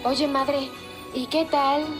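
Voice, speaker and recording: Eager young village daughter, high voice, anime dub. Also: female voice, level tone, takes it slowly, over music.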